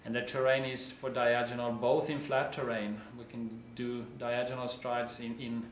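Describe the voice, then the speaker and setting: Flat-voiced coach in an echoey room. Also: male voice, mid-range voice, normal speed, a little hiss or hum.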